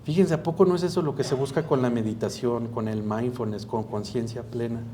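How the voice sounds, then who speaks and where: A man with a Mexican accent, a psychiatrist giving a live masterclass talk and acting out dialogues with an animated manner. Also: medium pitch, a little fast, slight background noise. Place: event hall.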